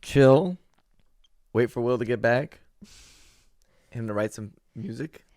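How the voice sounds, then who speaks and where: A man co-hosting a podcast in casual chat, dropping dry, quick joking remarks. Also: medium pitch, darkish tone, no room sound. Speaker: podcast co-host.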